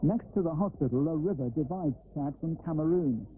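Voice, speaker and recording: A man giving measured, formal scripted narration for a documentary, heard on a worn old VHS tape. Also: on the high side. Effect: worn old VHS tape sound. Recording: tinny lo-fi old video tape, faint noise.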